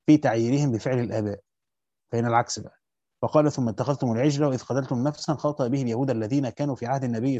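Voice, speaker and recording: Egyptian guy reading old commentary super fast, mellow low-key tone, stops to chat about it. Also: no echo, highs cut off. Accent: Egyptian Arabic. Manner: reads classical Arabic quickly, then breaks into colloquial comments. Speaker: teacher reading a Quran commentary. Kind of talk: fast reading of a classical text with spoken asides.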